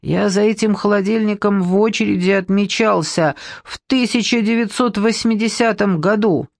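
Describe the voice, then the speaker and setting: A storyteller voicing a shrill, touchy, unkempt man with a high squealing voice, indignant and self-pitying. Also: normal speed, vocal fry, dry recording, clean studio sound, natural voice.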